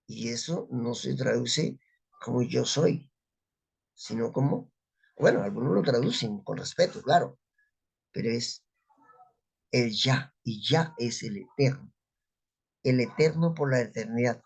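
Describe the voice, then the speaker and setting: Gravelly, husky man teaching scripture. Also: mid-range voice, a little mellow. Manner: explains with rhetorical questions and answers them himself; spoken, unscripted, with restarts. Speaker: Bible teacher. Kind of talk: religious teaching talk.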